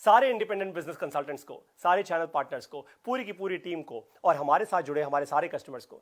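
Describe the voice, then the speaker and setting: High-pitched, high-energy male business coach. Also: animated, fast talker. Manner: high-energy, emphatic, repeats phrases for punch. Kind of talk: live online business class with audience shout-outs.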